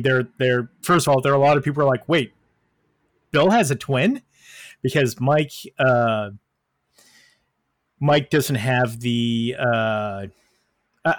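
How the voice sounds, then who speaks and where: Casting note: man, mid-pitched voice, casual podcast host, dry close sound. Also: no room sound. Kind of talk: casual chat.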